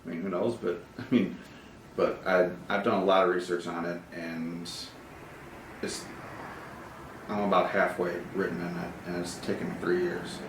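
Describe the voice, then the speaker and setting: A man's voice: low voice, level tone, normal speed. A man, an actor, chatting as a podcast guest in a laid-back, rambling way, laughing often. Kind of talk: casual interview chat. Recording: roomy, distant mic with faint hiss.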